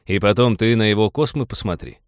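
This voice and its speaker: A man's voice: fairly low pitch, a little fast, dry recording, clean studio sound, close to an everyday voice. A man doing a weary sardonic starship captain.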